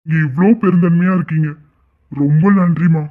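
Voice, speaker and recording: A man's voice: a little high, steady tone, a little fast, lightly acted. A man voicing a humble, grateful middle-aged father who drives an auto-rickshaw in a cartoon, speaking emotionally. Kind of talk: cartoon voice acting. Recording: tinny phone-like audio.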